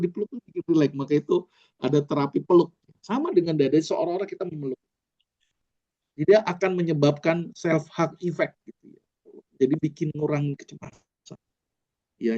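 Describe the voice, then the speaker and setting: A man's voice: a little high, warm tone, highs cut off. A man, a doctor, giving a casual online lecture, explaining step by step with frequent fillers.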